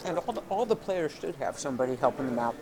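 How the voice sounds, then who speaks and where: Gravelly man commentating poker. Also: fairly high pitch, sing-song, fast talker, a crowd in the background. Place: commentary booth.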